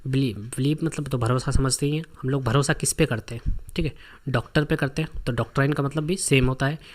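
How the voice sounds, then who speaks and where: A man's voice: mid-range voice, steady tone, brisk. A man from India teaching a vocabulary lesson for exam students, repeating word lists and memory tricks with frequent check-ins.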